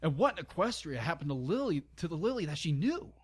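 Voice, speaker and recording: His voice is fairly high, husky and sing-song, and he moves at a quick pace. The man, who narrates and hosts the channel, gives an informal, stumbling amateur reading of a dramatic story with sarcastic, exasperated asides.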